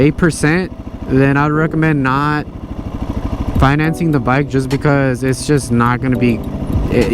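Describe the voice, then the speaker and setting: A man giving casual advice to viewers as a motovlogger, speaking from inside a helmet as they ride, often repeating phrases for emphasis. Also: medium pitch. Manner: speaking inside a motorcycle helmet while riding. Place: outdoors on a motorcycle, inside a helmet. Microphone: mic inside helmet. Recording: helmet mic with clear road and engine noise. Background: motorcycle and traffic noise.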